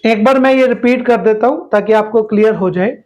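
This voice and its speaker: Man, shorthand teacher, high voice, patient, repeats each rule, step-by-step lesson. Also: brisk, darkish tone, dull audio.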